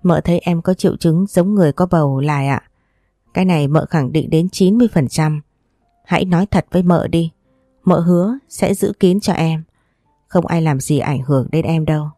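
A woman's voice: low voice, normal speed, no room sound, clean studio sound, soft background music. A woman voicing a kind young mistress of a wealthy house, soothing and coaxing as she speaks. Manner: gentle, soothing, persuasive.

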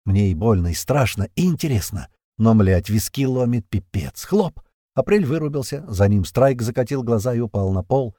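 A man narrating a tense first-person audiobook, with swearing and lively storytelling. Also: mid-range voice, normal speed, no room sound, studio quality.

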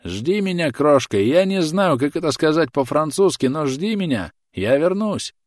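A man voicing a brash, cheerful young male soldier who shouts boisterously in an audiobook. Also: on the low side, expressive, fairly quick, dry recording, clean studio sound. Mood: hollering. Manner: boisterous, shouting across a field.

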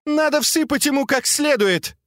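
A man reading aloud, voicing an imperious, sharp-tongued noblewoman who scolds and commands her servants. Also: low-pitched, big pitch swings, measured pace, no room sound, studio quality, pitched above the performer's own voice. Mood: furious.

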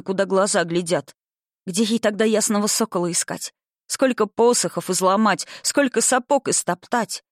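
Brief: calm audiobook narrator, mid pitch, dry close mic. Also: no room sound. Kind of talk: scripted narration.

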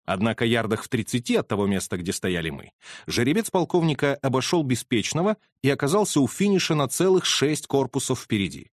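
Lively man narrating a story. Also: medium pitch, brisk, dry recording, studio quality. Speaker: audiobook narrator.

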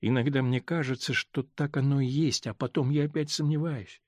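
A man voicing a torn, pleading wife, husky. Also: mid-range voice, fairly even intonation, normal speed, dry recording, clean studio sound, natural voice. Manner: soft and pleading. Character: torn, pleading married woman. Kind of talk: audiobook character reading.

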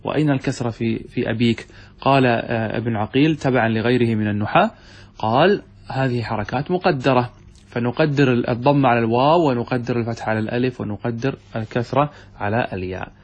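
A man's voice: mid-range voice, quick pace, husky. A man teaching Arabic grammar in a lesson, reading a classical text aloud and explaining it by asking questions and answering them himself.

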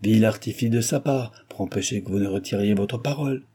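A man's voice: on the low side, fairly quick, warm tone, breathy edge. A man reading as a stern, grave old advisor. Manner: grave, admonishing.

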